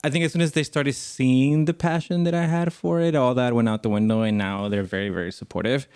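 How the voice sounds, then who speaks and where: A young man from Guatemala, a podcast guest, talking in a relaxed, earnest way with many fillers. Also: medium pitch, brisk, clear, resonant tone. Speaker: podcast guest, network assistant. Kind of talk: casual interview chat.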